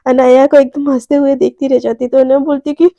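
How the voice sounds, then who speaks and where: Woman storyteller, high voice, mellow tone, chatty casual narration. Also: level tone, fast, no room sound, dull audio. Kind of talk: casual told love story.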